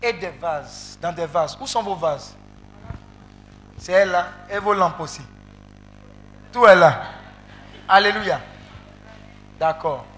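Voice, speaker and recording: A male preacher leading an interactive sermon, calling out to the congregation and breaking into loud exclamations. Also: high-pitched, slow, pauses often, a little hiss or hum. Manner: animated, calls out to the congregation, bursts into loud exclamations. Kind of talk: interactive sermon with call and response.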